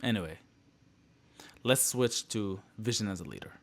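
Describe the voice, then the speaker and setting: A young man from the Middle East giving a passionate live motivational talk to his audience, repeating phrases and swinging from loud bursts to hushed, quiet lines. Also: on the low side, expressive, normal speed. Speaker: motivational speaker.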